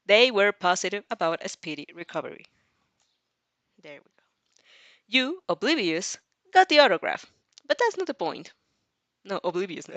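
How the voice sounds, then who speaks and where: A woman hosts a fan fiction reaction, reading aloud expressively and drifting into casual, rambling, giggly asides that often interrupt her own reading. Her mid-range voice has a fairly bright tone, and there's no room sound.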